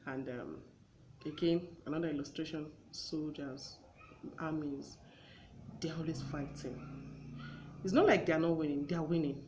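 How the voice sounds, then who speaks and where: A woman's voice: deep voice, normal speed, long pauses, noisy background. A woman hosting a conversational talk show. She gives earnest advice and acts out everyday exchanges as she goes.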